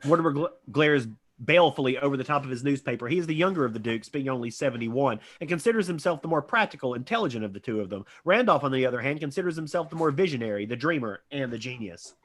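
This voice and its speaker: A man's voice: medium pitch, animated, fast, fairly bright tone. A man reading stage directions as narrator in a scripted reading.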